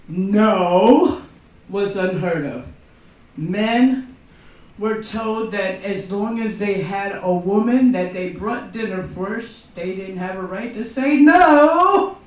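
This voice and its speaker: A woman's voice: mid-range voice, a little mellow, lo-fi sound. A woman doing a stand-up monologue at an open mic, rambling and constantly checking in with the crowd. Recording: very echoey room from far off.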